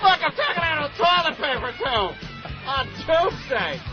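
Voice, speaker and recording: A man's voice: very high voice, very animated, moderate pace. Man talking through a cardboard tube. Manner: hammy mock-DJ announcing. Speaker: radio host. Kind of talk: comedy radio bit. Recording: muffled radio audio with loud music bed.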